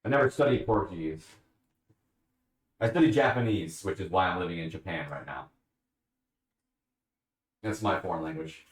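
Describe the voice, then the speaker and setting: This livestreamer has a deep voice and a moderate pace, pausing often as he casually answers questions from his chat. He's at home in a bathroom with a bathtub, far from the mic, in an echoey space.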